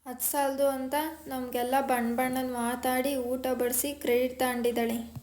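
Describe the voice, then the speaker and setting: A woman's voice: sits high, level tone, moderate pace, darkish tone, a little hiss or hum, natural voice. A woman voicing a young woman who sharply accuses a relative of lying. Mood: accusing. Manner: accusing, confronting.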